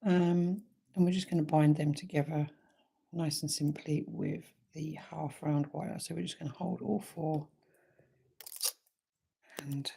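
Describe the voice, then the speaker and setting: A woman with a lowish, slightly croaky voice from a sore throat hosts a relaxed live wire-wrapping tutorial from her workshop. She chats easily and thinks aloud, saying um often.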